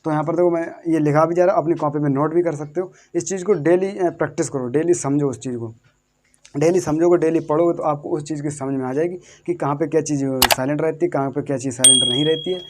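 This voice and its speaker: Talking fast in a steady, higher-pitched voice, a male English teacher gives a classroom-style lesson. Repetition, self-answered questions to the viewers, and letter-by-letter spelling all feature in his delivery.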